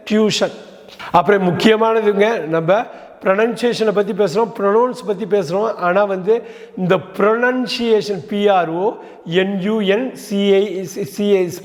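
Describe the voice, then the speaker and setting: A man with a Tamil accent teaching English pronunciation, spelling words out letter by letter and repeating them slowly. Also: sits high, darkish tone, in a large hall.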